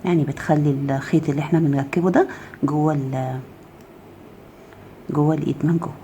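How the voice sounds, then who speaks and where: A crochet teacher with an Egyptian Arabic accent speaks fast in a deep voice with fairly even intonation, guiding viewers through the steps. She counts stitches out loud, repeatedly asks "okay?" and murmurs softly as she works, over a little hiss or hum.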